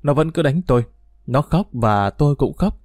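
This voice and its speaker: A man narrating a first-person story in a plain, steady way. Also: a little high, normal speed, no room sound, studio quality.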